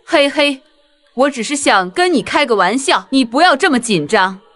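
A woman's voice: high voice, animated, moderate pace, a bit bright. A woman voicing a sly, menacing female bear with human cunning in a cartoon game parody, taunting and falsely reassuring. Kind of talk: fan game-animation dub.

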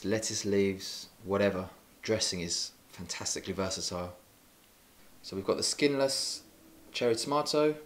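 A man hosting a home cooking video, giving clear step-by-step instructions and tasting the dish in his kitchen. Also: fairly low pitch. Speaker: cooking show host. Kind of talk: recipe narration and tasting. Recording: background music under voice.

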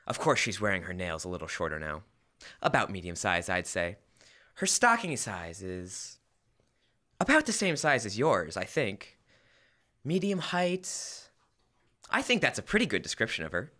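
A student actor in his teens or young adulthood plays a fussy, earnest husband in an old-time radio comedy, performed as a live stage reading indoors in a school library. His exaggerated voice swings wildly in pitch with a forward, bright tone and hesitant timing, captured on a stand microphone.

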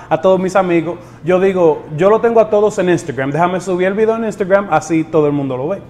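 Man, Dominican accent, high voice, relaxed, repeats himself, slips into English, faint hiss. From born in the United States to Dominican parents. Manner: easygoing, repeats words, mixes in English phrases. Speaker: guest. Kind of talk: casual interview talk.

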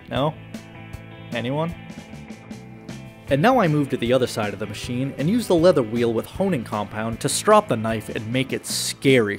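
A man with a nasal voice, hosting and narrating a step-by-step knife-making build, upbeat with jokey asides. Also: medium pitch. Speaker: knife-making channel host.

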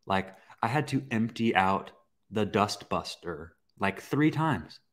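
A young man hosting a podcast, telling a personal story in a casual, animated way, with swearing and acted-out reactions. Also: fairly low pitch, slow pace. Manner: animated, swearing, acts out his own reactions. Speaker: podcast host.

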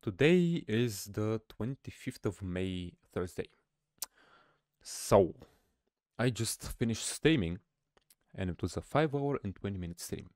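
Deep-voiced young man, casual vlog. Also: animated, measured pace, a little mellow, no room sound, clean studio sound. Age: young adult. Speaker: streamer and vlogger. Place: small home room, indoors. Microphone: close studio mic on a boom arm.

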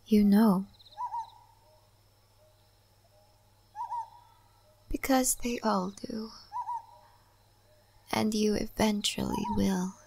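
In an ASMR roleplay, a woman plays a calm, wise, mysterious guide to a spirit forest. Her medium-pitched voice is gentle and soft, often slipping into a breathy whisper, with a musing mood and pauses, and there's background noise.

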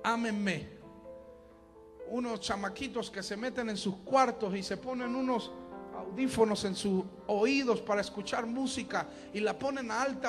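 High-voiced preacher shouting over music. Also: male voice. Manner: swings from quiet talk to shouted exhortation. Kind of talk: impassioned sermon. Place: live church gathering.

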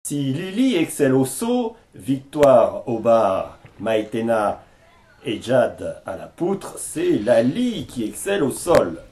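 A male reporter narrates a local sports segment in a slow, measured voice-over. His tone is mellow and dark, and his pitch rises and falls freely. The delivery sounds scripted and even. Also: slight background noise. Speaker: news reporter.

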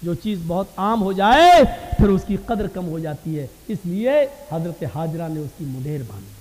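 Guy preaching a sermon, super high voice, goes from loud fiery bits to quiet low asides, long hall echo. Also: sing-song, moderate pace. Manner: impassioned, swings from loud declaiming to low hushed asides. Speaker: Islamic preacher. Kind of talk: devotional sermon. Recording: long reverb of a large hall.

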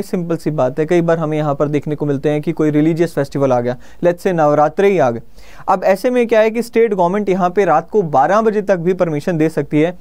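A man in his thirties with an Indian accent and a high, darkish voice gives a conversational lecture like an exam-prep teacher, often rephrasing his points. He mixes Hindi and English while explaining in an indoor studio before a presentation screen.

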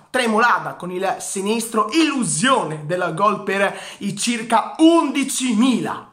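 A young man delivers an excited football recap in a high, bright voice. He stresses his words and repeats key phrases for drama, taking his time over them. The room around him adds an audible echo. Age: 20s. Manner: emphatic, repeats phrases for effect. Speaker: football commentator. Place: living room with bookshelves, indoors. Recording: roomy indoor echo.

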